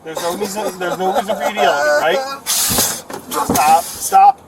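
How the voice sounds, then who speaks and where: High-pitched male officer amid heavy noise. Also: measured pace. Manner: firm, repetitive, trying to calm someone down. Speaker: police officer. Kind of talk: giving commands during an arrest. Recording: very noisy field capture with vehicle sounds.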